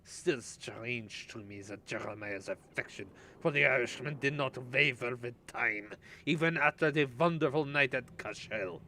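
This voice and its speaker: A man's voice: mid-range voice, moderate pace, few pauses, pushed and bright, pitched above the performer's own voice, natural voice. A man voicing a sinister, haughty aristocrat in a mock German accent, reading a journal aloud theatrically. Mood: sinister, gloating. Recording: noisy home gameplay recording.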